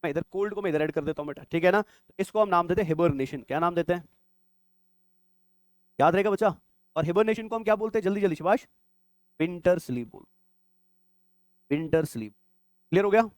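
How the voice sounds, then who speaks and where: A man's voice: high-pitched, fast talker, long pauses, no room sound. A young adult man teaching biology for exam prep, constantly quizzing his students and calling them "beta". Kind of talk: exam-prep classroom lecture.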